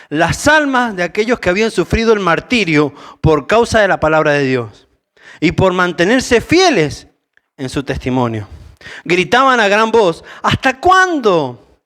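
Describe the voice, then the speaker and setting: A man's voice: high voice, fairly bright tone. A man with a Rioplatense Spanish accent preaching a conversational sermon, mixing Bible reading with informal asides.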